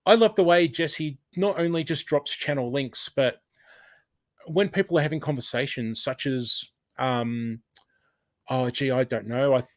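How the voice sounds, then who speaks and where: A man with an Australian accent chats casually during a live stream, reading comments aloud with lots of fillers and restarts, and thanks viewers warmly. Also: mid-range voice, no echo. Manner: chatty, rambling, with many fillers and restarts; warm thanks to viewers, often exclaiming.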